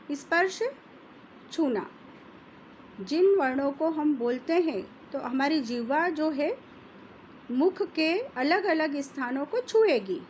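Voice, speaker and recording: Woman teacher, high voice, deliberate pace, faint background noise. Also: a little mellow. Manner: slow, careful, repeats sounds for pupils to copy. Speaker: Hindi teacher. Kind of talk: classroom lesson.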